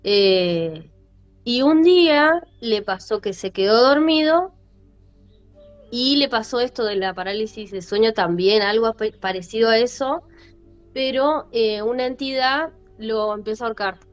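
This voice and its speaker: Hosting a podcast, a woman with a fairly high voice and a Rioplatense Spanish accent talks at a measured pace. Her storytelling is relaxed and lively, packed with fillers and repeated phrases, and the lo-fi recording carries faint music underneath.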